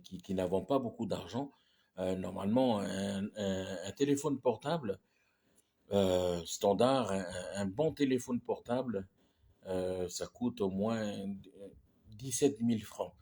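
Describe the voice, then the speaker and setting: Halting French-speaking teacher, low husky voice. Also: male voice, warm tone. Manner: repetitive, halting, with many restarts and "hein", "ok?". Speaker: English teacher. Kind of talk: casual spoken lesson.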